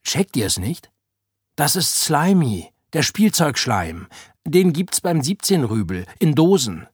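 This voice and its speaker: An eager boy from a storybook who explains things with excitement, as a male narrator gives him voice. The voice moves around a lot in pitch and is breathy, recorded close and dry. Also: slow, no room sound, exaggerated voice.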